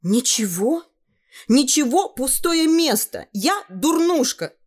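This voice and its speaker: A woman voicing a stubborn, sharp-tongued teenage girl in an audiobook reading, snapping back in quick retorts. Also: high voice, very animated, voice pushed up, heavily acted. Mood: pert, sulky. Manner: quick retorts, pert and sulky.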